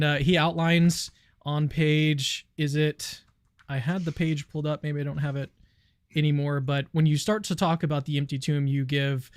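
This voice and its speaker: A man's voice: a little high, darkish tone, no room sound, studio quality. A man interviewing a guest, asking rambling questions full of fillers and restarts. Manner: eager, hedging with uh and restarts. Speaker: interview host.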